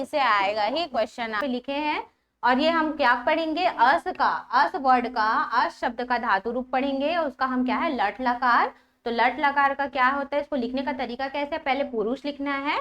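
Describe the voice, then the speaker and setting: A woman teacher explaining a school lesson step by step, often checking whether the students follow and reciting word forms in a steady drill rhythm. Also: sits high. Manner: checks understanding with repeated "ठीक है?".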